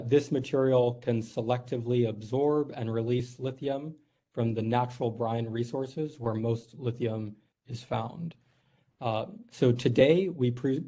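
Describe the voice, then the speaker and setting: Mellow and mid-range, the voice belongs to a New York company executive presenting formally at a board meeting. He stays earnest and polite, though his speech is heavy with "uh"s.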